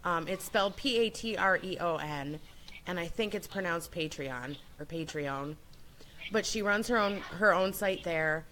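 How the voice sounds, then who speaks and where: A woman hosting a radio show, chatting casually and admiringly in a loose, unscripted way as she gives shout-outs. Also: medium pitch, normal speed, slight background noise.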